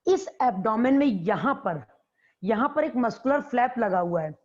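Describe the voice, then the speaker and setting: A woman's voice: fairly high pitch, animated, moderate pace, a little mellow. Woman biology teacher with a dull lo-fi sound. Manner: repeats key terms and quizzes students. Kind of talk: classroom lecture. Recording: dull lo-fi classroom recording.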